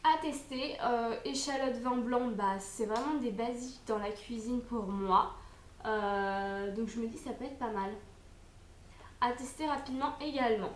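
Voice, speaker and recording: A woman's voice: a little high, measured pace, slight background noise. A young woman chatting casually as she unboxes and reviews food products, with frequent hesitations and fillers. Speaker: unboxing vlogger. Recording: echoey room.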